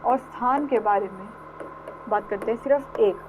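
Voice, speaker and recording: A woman's voice: mid-range voice, normal speed, a little hiss or hum. A woman teacher with an Indian accent giving a grammar lecture, patiently repeating words and quizzing her students. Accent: Indian English. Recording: dull lo-fi audio.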